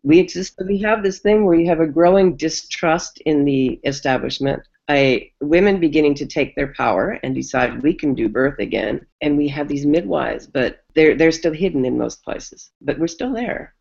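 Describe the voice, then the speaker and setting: An older American woman, a midwife, telling the oral history of her craft in an animated way, full of restarts. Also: sits low, moderate pace, creaky, few pauses, highs cut off. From United States. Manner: animated, acts out quoted voices, many restarts.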